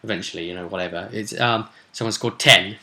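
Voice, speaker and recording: A fast-talking British man with a lowish voice and sharp tone recaps his sessions as game master in an informal vlog, with slight background noise present. His explanations ramble, colloquial and stop-start.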